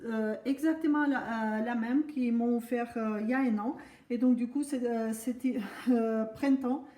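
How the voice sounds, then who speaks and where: A woman who is not a native French speaker gives a casual tour of her houseplants on her home veranda, pausing often with fillers. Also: a little high, warm tone. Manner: hesitant, many filler pauses. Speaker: plant vlogger. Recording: roomy echo.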